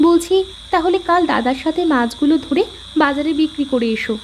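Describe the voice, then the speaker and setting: A woman's voice: high voice, fairly quick, slight background noise, lightly acted. Woman voicing a nagging young village wife. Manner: nagging, scolding. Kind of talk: cartoon voice acting.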